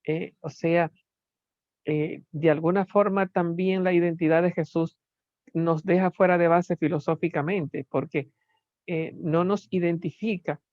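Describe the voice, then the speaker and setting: A lecturer giving a recorded philosophy class, talking slowly and searchingly, pausing often and asking rhetorical questions. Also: medium pitch, fairly even intonation, no echo, dull audio. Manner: slow, searching delivery with many pauses and rhetorical questions.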